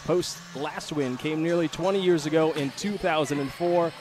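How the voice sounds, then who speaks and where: A man's voice: on the high side, normal speed. A man broadcasting a college volleyball preview, steadily reading team notes and starting lineups. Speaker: play-by-play broadcaster. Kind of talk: pregame sports broadcast preview.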